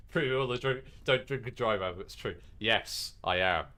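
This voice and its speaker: A man's voice: mid-range voice, a little slow, pushed and bright. A man casually commenting on a train game live to viewers, chatty, swearing and poking fun at himself. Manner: chatty, swears, self-mocking, talks to viewers. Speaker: game streamer.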